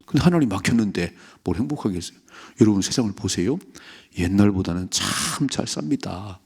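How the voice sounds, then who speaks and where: Male pastor, low husky voice, animated sermon delivery, slow scripture reading, church service. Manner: animated preaching, acting out biblical figures' voices; reads scripture aloud slowly. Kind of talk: early-morning prayer sermon. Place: church sanctuary.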